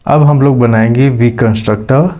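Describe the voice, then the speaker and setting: A man's voice: medium pitch, moderate pace, mellow. A man teaching maths step by step, checking in with his students as he explains. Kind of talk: classroom lecture.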